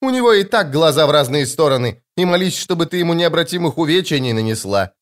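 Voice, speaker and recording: A man's voice: a little high, very animated, fast, pitched above the performer's own voice. A man voicing a barking, bossy female corporal. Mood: commanding. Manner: barking, scolding.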